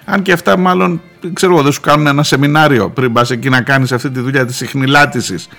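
A man's voice: mid-range voice, soft background music. A man hosting a radio talk show, telling a wry story and acting out the people in it. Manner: animated, wry, mimics the people he quotes.

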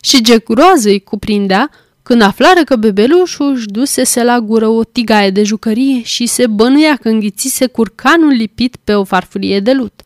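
A woman reading a classic tale aloud as an audiobook, measured and clear. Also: fairly high pitch, dry recording, studio quality. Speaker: volunteer audiobook reader. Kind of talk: scripted audiobook narration.

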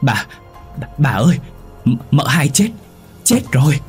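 A man's voice: medium pitch, sing-song, measured pace, faint music behind, pitched above the performer's own voice. A man voicing a frightened young servant girl who stammers.

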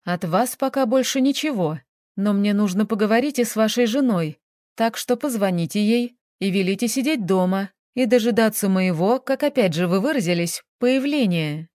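A woman's voice: medium pitch, moderate pace, no echo, studio quality, lightly acted. Woman voicing a cool detective. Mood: firm. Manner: calm, firm, slightly ironic. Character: cool, composed female private detective.

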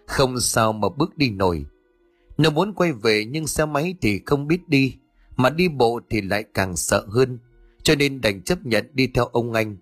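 Male narrator, steady storytelling, husky voice, dry sound, faint music behind. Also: medium pitch, dry recording. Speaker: audiobook narrator.

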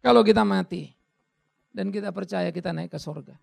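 A man preaching a fervent sermon as pastor, blunt and scolding, swinging between quiet, low talk and loud, high exclamations. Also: moderate pace, vocal fry, no echo.

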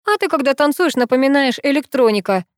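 A woman's voice: high-pitched, lively intonation, brisk, dry recording, studio quality, voice pushed up. A woman voicing a teasing young man, the narrator's best friend, with playful mocking banter.

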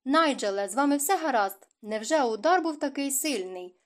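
A woman's voice: high voice, lively intonation, moderate pace. A woman reading a composed young society lady who speaks with patient, cool firmness. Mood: soothing.

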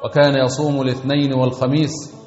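A man's voice: mid-range voice, flat delivery, quick pace, darkish tone. A man preaching a sermon, exhorting his listeners with earnest, rhythmic repetition. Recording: echoey long reverb, dull sound, faint music.

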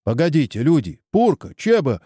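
A man voicing a calm, cautious young man soothing others in a storybook reading. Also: on the high side, moderate pace, slightly rough, no room sound, clean studio sound, voice pushed up. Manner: soothing, restraining.

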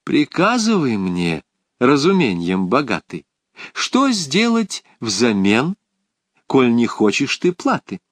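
Earnest young disciple read by a male narrator, slow, lively pitch, dry. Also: no room sound, full character voice.

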